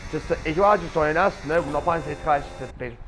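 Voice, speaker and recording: A man doing live motor racing commentary as an informal race caller, chatty between moments of action and rising excitedly with it. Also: fairly high pitch, racing, over music. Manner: informal, chatty streamer-like asides. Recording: noisy audio with vehicle sounds.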